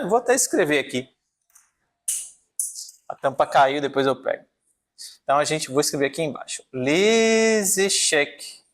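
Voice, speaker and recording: A man teaching French pronunciation in an online lesson, explaining rules patiently and checking in with his viewers often. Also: medium pitch.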